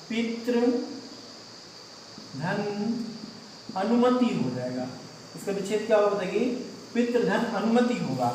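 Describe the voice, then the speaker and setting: A man's voice: sits high, darkish tone. Male teacher quizzing a class through a grammar lesson, a faint hum of room ambience behind him. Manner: asks questions to the class, repeats answers. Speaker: Hindi teacher. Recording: echoey room, mic far off.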